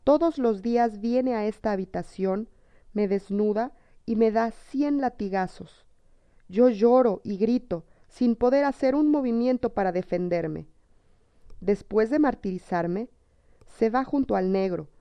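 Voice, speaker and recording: A woman's voice: a little high, unhurried, no room sound, muffled recording. A woman voicing a tormented young prince who pleads and laments in a storybook tale. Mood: lamenting. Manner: pleading, anguished.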